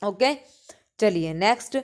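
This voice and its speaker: With lively intonation and a measured pace, a female mathematics teacher in a mid-range voice delivers an exam-prep lecture. She switches English math terms into Hindi speech, answers questions she poses, and repeats important points.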